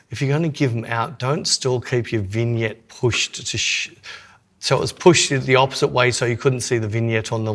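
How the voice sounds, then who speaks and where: A man's voice: mid-range voice, a bit bright. A man with an Australian accent co-hosting a podcast, chatting casually in a rambling way. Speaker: podcast co-host.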